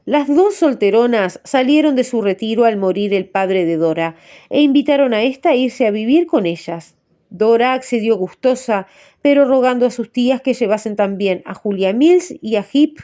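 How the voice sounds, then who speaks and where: Woman audiobook narrator, measured, warm, a touch high. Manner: measured, steady storytelling. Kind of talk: audiobook reading.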